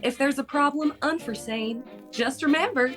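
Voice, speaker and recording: A woman's voice: high voice, normal speed, fairly bright tone, faint music behind. A woman playing a peppy saleswoman in a parody radio commercial. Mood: peppy salesy.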